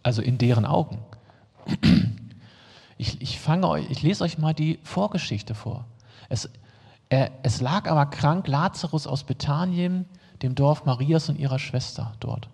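A male preacher reads scripture and explains it, slipping into relaxed, everyday asides between the verses. His voice is dark and husky. It rings out with the long reverb of a large hall. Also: fairly high pitch, measured pace. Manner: reads the text, then adds casual plain-spoken asides to the congregation. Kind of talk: sermon, reading scripture aloud and explaining it.

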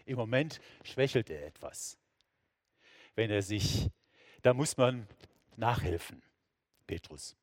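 Man, preacher, meditative sermon narration, unhurried, reflective, medium pitch. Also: expressive. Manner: slow, reflective, measured.

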